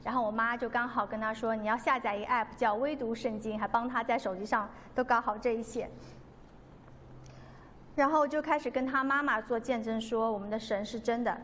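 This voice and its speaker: A woman's voice: fairly high pitch, fairly even intonation, a little fast, a bit bright. Earnest woman giving a testimony. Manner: earnest, devout, re-enacts dialogue. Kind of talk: personal testimony storytelling. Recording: long reverb, faint background noise.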